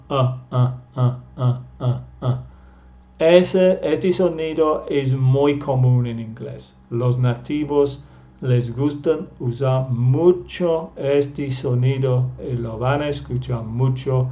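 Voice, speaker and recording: A man gives a beginner language lesson at an extremely unhurried pace. His voice sits at an ordinary middle pitch, and he explains things patiently, step by step. He drills each vowel sound by repeating it again and again. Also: dark tone. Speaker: English teacher.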